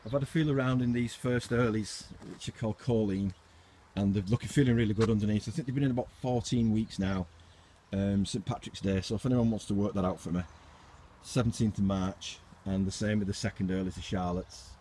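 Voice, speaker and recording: A man's voice: lowish voice, steady tone, a little fast, warm tone, slight background noise. Man, middle-aged, casual allotment vlog, chatty and rambling, a bit out of breath, recorded outdoors on a phone. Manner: chatty, rambling, mild swearing. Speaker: allotment vlogger. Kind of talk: casual garden tour vlog.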